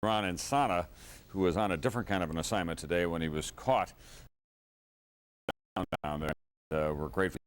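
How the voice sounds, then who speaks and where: A man anchoring live breaking news in a measured, grave way, pausing often with fillers, heard from an old VHS tape recording of a TV broadcast. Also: low voice.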